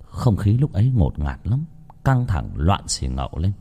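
A man tells a first-person ghost story in a low, dark voice. His telling is lively, rising and falling with drama. A husky grain runs through it. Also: normal speed.

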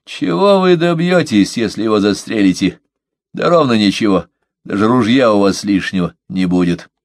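A man's voice: fairly low pitch, expressive, moderate pace, dry recording, clean studio sound. A man voicing a sardonic, scheming sailor who talks in a nasal, sneering, lecturing way.

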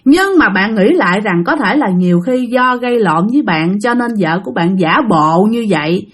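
A woman's voice: medium pitch, animated, moderate pace. A woman narrating a ghost story, chatty and addressing listeners directly.

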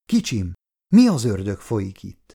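A man reading the lines of a weary middle-aged sheriff who pleads quietly with his wife in an audiobook. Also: on the low side, wildly swooping pitch, vocal fry, husky, heavily acted. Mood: urgent.

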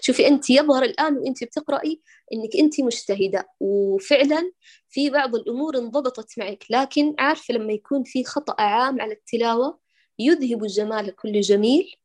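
A woman teaching Quran recitation, patiently correcting a student and slowly demonstrating throat letters. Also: a little high, a little mellow. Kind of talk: online recitation correction lesson.

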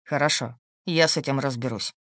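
A woman reading an audiobook, voicing a calm, shrewd and protective husband in a steady, dry, matter-of-fact way. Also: a bass voice, a little fast, no room sound, pitched below the performer's own voice. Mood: calm, firm. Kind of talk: audiobook character voice.

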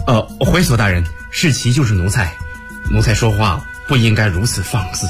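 An actor playing a servile but vengeful court official in a radio drama, fawning and plotting. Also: male voice, on the low side, expressive, normal speed, over music, close to an everyday voice. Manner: fawning to superiors, bitter and plotting.

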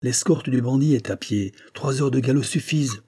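A man's voice: mid-range voice, moderate pace, warm tone, breathy edge. A man reading a determined young man who asks urgent, impatient questions in an audiobook.

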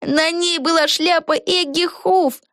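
A woman's voice: high-pitched, animated, moderate pace, fairly bright tone, no room sound, studio quality, voice pushed up. A woman reading an audiobook, voicing an eager young witch girl who exclaims a lot. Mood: excited.

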